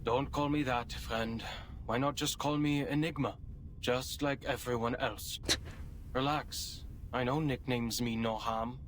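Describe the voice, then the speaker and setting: A man's voice: mid-range voice, fairly even intonation, a little slow, a little hiss or hum, lightly acted. A man voicing a sarcastic, laid-back male researcher in a game, talking in a dry, mocking way. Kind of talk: game voice acting.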